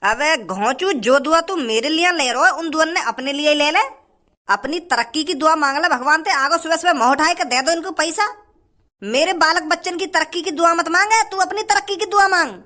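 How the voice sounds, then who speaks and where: A man's voice: very high-pitched, moderate pace, pushed and bright. An actor playing a stingy, rude male shopkeeper who scolds and dismisses a beggar in a comedy sketch. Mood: scolding.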